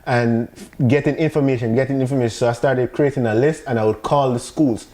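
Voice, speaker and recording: Podcast guest: male, Jamaican accent, relaxed warm timbre, conversational and emphatic storyteller. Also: mid-range voice, a little fast. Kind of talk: casual personal storytelling.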